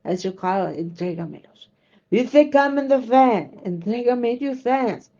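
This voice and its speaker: A woman preacher leading prayer during a fast, fervent and repetitive, who drifts into tongues and voices God's replies. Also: on the high side, lively intonation, warm tone. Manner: fervent, repetitive, slips into tongues and speaks as God. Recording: dull lo-fi sound.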